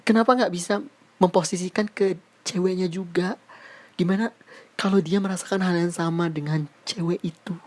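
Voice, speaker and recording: A woman's voice: lowish voice, fairly even intonation, normal speed, darkish tone. A woman commentating on a story from chat screenshots, reacting with indignant exclamations and mild swearing. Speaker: YouTube commentator.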